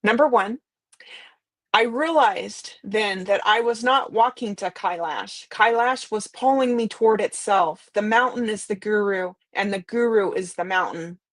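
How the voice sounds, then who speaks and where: A woman's voice: mid-range voice, a little slow, dry recording. A woman co-hosting a live talk, reading spiritual quotes aloud with emphatic delivery.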